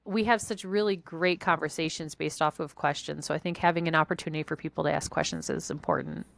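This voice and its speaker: A woman's voice: sits low, expressive, quick pace, vocal fry, no echo. A woman co-hosting a casual chat, bubbly and giggly, rambling with many restarts. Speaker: spiritual practitioner and co-host.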